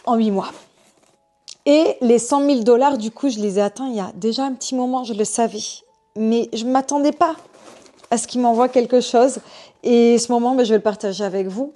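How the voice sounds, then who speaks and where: A young woman vlogging spontaneously at home, chatty and excited as she talks to her viewers. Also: on the high side. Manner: chatty, excited, addresses viewers as "les gars". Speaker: online business vlogger. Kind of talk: spontaneous unboxing vlog. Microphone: desk microphone.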